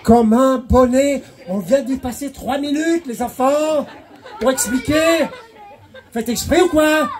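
A man performing a live clown comedy show, shouting and laughing at his own jokes. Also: very high-pitched, slow pace, a faint crowd, a little hiss or hum.

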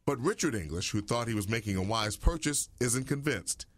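A man reporting a news story in a measured, scripted narration style. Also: mid-range voice, no echo. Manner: measured, even reporting delivery.

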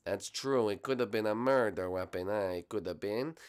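A man's voice: on the low side, normal speed, smooth, lightly acted. A man voicing a nervous younger brother who hesitates and stammers in a homemade puppet comedy. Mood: hesitant.

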